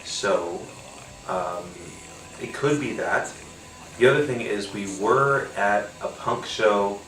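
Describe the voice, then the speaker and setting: A podcast host with a cold speaks slowly in a fairly low, slightly bright, nasal and congested voice as he tastes a beer alone. He rambles casually with lots of fillers and some casual swearing. The rough recording is reverberant and far from the mic, with soft music playing behind him.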